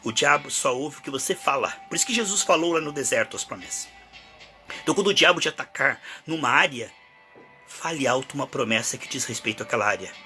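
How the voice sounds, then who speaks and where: Male pastor, fervent sermon, quick bright delivery, soft music underneath. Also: mid-range voice, lively intonation. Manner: fervent preaching with acted prayers and quotes.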